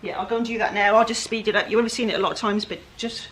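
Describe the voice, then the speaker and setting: Here a woman from the England-Wales border, West Country accent and all, rambles through a casual vlog about painting and flipping furniture, cheerfully running herself down. Her medium-pitched voice is a bit bright and steady, and she goes very fast, with slight background noise.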